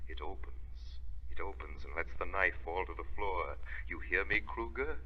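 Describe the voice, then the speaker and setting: An actor playing a stern, commanding, unseen avenger, theatrical and deliberate, in 1930s radio drama style. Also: male voice, sits low. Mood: hypnotic. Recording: muffled old 1930s radio recording.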